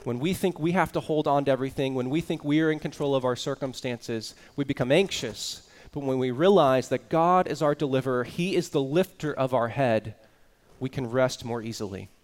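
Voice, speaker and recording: A man's voice: mid-range voice, fairly quick. A man preaching an earnest sermon as pastor, explaining scripture with rising emphasis.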